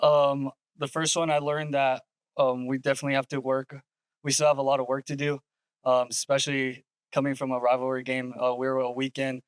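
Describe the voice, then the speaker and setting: A men's soccer coach from Yakima, Washington, answers interview questions in a measured, completely flat way, pausing often. His voice is smooth and clear with little pitch movement, and the recording is dry and close without echo.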